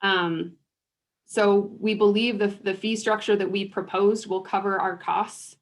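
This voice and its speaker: A woman presenting a program update to a board over a video call, measured and pausing often with ums. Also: mid-range voice, fairly even intonation. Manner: measured, with frequent ums and restarts. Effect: heard over a video call. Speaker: state agriculture program staff. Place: remote, joining a video conference.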